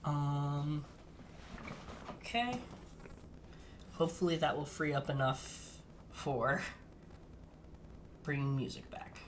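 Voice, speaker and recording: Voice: mid-range voice, slow pace, pauses often, background noise. A podcast co-host chatting casually on a live stream, flustered and self-deprecating, laughing through technical trouble. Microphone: streaming setup with desk mic.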